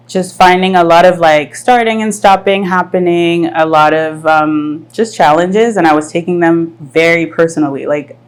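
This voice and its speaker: A woman in her thirties from France hosts a live podcast in front of an audience. Her voice sits low, and she talks in a reflective, searching way, often pausing on fillers as she thinks. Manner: reflective, thoughtful, many fillers. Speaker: podcast host. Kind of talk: casual live podcast conversation. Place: live event venue with audience.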